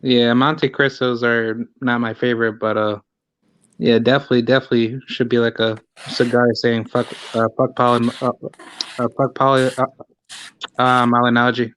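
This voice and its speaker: A man in a casual podcast chat, easygoing and hesitant, filling pauses as he goes. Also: mid-range voice, level tone, a bit bright, clear, resonant tone, no room sound. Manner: hesitant, easygoing, laughs along. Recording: dry lo-fi audio.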